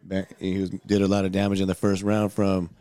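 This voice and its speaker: A man's voice: low-pitched, monotone, brisk, mellow, smooth. A man co-hosting a casual podcast, talking loosely about a fight with slang and rambling asides. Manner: laid-back, rambling, slangy. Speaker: podcast co-host. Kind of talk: casual fight commentary chat. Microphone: headphones and podcast mic.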